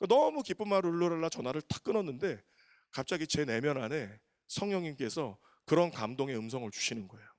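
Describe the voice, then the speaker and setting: A man in his thirties preaching, telling a personal story with animated, emotional delivery and acted quotes. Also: a little high, fast, dry recording, studio quality. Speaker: pastor. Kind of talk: storytelling sermon.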